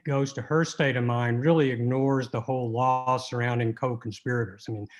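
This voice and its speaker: A man giving an oral argument in court as an appellate lawyer, halting and argumentative, often repeating words. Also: mid-range voice.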